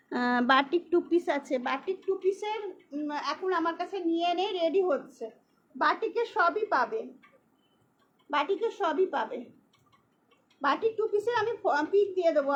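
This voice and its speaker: A woman selling clothes on a live stream, briskly repeating prices and a phone number. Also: very high voice. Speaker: online clothing seller. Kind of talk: live-stream sales pitch. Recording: slightly dull, faint hiss.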